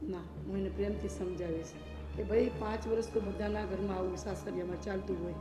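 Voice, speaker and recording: A woman playing a middle-aged mother who gently coaxes and advises her daughter in a short family drama. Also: medium pitch, steady tone, fairly quick, natural voice. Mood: coaxing. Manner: soothing, coaxing advice. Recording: echoey hall with loud music.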